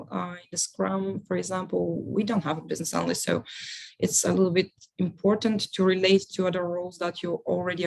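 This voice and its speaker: Halting woman, vocal fry. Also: mid-range voice, poor audio. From Bulgaria. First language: Bulgarian. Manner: halting, searching for words, explanatory. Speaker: business analyst. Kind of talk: conference lecture.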